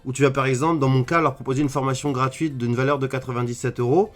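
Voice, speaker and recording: A man's voice: medium pitch, fairly even intonation, quick pace. A man giving a casual screen-share tutorial at his computer, talking straight to the viewer with plenty of fillers. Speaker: online marketing trainer. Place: at his desk indoors. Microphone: computer webcam mic.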